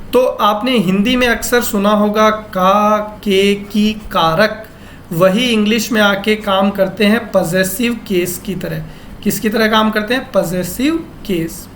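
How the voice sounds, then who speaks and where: A man teaching English grammar from a newspaper text. He asks his class questions and answers them himself, and he reads the English sentences out slowly, word by word. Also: high-pitched, slight background noise.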